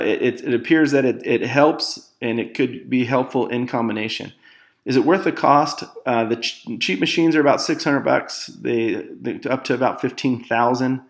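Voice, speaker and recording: This is a man with a mid-range voice presenting academic slides as a student. At times he stumbles, going back to fix what he said and repeating words.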